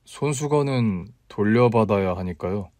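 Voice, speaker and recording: Guy doing a chill stubborn young man, flat calm answers. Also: on the low side, normal speed, no echo, natural voice. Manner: calm, matter-of-fact replies. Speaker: story reader.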